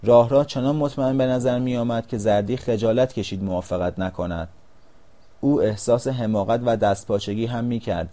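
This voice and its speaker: Mellow-voiced male storybook narrator. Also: fairly low pitch.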